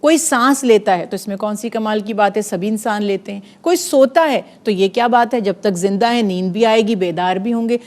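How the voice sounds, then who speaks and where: A woman giving an earnest, measured religious talk on a TV program, building her points through lists of repeated phrases. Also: medium pitch, darkish tone.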